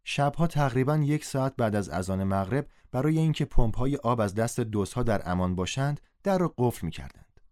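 A man's voice: mid-range voice, lively intonation. A man narrating a story in first person, reading the dialogue aloud with a raised voice. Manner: reads dialogue in a raised, louder voice.

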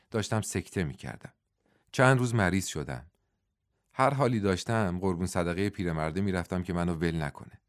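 A man reading the part of a desperate young widowed woman servant, pleading and confessing in a storybook reading. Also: low-pitched.

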